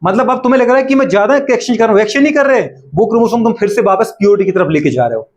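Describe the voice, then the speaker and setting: A man's voice: high voice, lively intonation, rapid-fire. A male biology teacher with a Hindi accent, lecturing a class, often asking questions and answering them himself, teasing his students.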